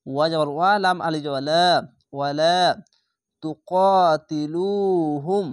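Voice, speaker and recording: A man teaching Quran reading, spelling out each syllable and then chanting the words slowly with long drawn-out vowels. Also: on the high side, fairly even intonation, clear, resonant tone, no echo, clean studio sound. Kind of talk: slow spelled-out recitation lesson.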